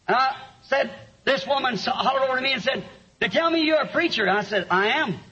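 A man, preaching a sermon with an interpreter and telling stories that rise to shouts. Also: very high voice, moderate pace, breathy edge. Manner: storytelling, rising to shouts. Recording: dull lo-fi sermon recording.

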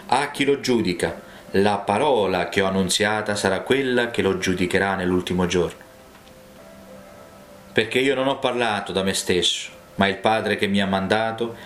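Jesus, a calm, solemn teacher read by a man. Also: lowish voice, slight background noise, close to an everyday voice. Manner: solemn, earnest. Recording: roomy, with faint music.

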